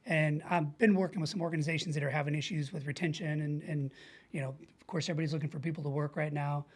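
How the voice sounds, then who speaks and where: This podcast guest, a middle-aged American leadership coach, has a fairly high voice with a breathy edge and fairly even intonation. In a casual interview, he explains things earnestly and informally, drawing on quick everyday examples.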